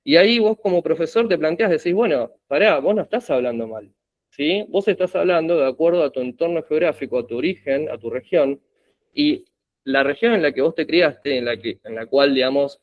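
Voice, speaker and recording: Hombre argentino dando clase, sonido apagado. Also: male voice, on the high side, dry recording, highs cut off. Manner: explanatory, checks in with frequent "¿sí?". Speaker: teacher. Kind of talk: university lecture.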